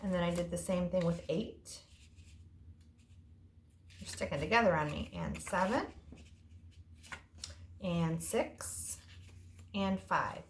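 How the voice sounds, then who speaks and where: Taking her time and pausing often, a woman with a lowish voice and lively intonation teaches young children informally. She keeps explanations simple and casual during a lesson and story time indoors. Echo and faint noise are audible in the recording.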